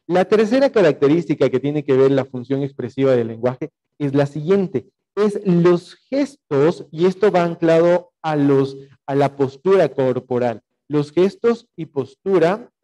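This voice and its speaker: A man's voice: on the high side, dark tone, highs cut off. A young man with an Ecuadorian Spanish accent, teaching a class over a video call, explaining and dictating notes with frequent fillers and rhetorical checks. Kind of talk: online class lecture.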